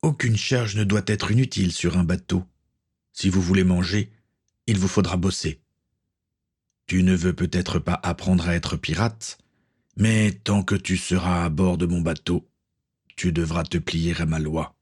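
A man's voice: low-pitched, fairly even intonation, a little slow, a little mellow, husky. A man reading as a stern pirate captain. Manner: firm and authoritative. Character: stern middle-aged male pirate captain, commanding uncle.

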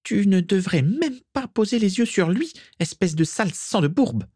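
A man's voice: high voice, animated, moderate pace, mellow, slightly rough, no echo, studio quality, pitched above the performer's own voice. A man voicing a haughty, spiteful teenage schoolgirl who sneers with disdain in an audiobook reading. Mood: spitting. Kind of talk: audiobook character voice.

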